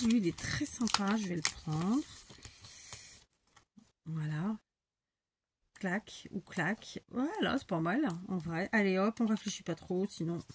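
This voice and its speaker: In a slightly rough, mid-range voice, a middle-aged woman chats her way through a scrapbooking tutorial. She rambles and mutters to herself as she crafts, and she's congested, clearly needing to blow her nose.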